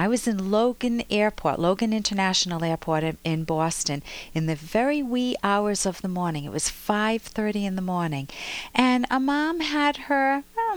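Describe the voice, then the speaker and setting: A woman hosting a radio call-in advice show as a psychologist, telling a story in an animated way and acting out a child's voice. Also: medium pitch, clear, resonant tone. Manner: animated storytelling, acts out a toddler's voice.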